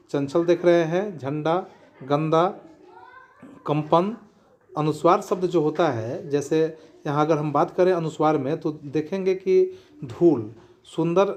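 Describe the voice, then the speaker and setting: A man gives a grammar lesson in a slightly higher voice. He explains rules in measured, formal phrasing. Between the rules he reads out example words slowly, one by one. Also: a little mellow. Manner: reads out word lists slowly, one word at a time. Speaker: Hindi grammar teacher. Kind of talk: classroom-style grammar lesson.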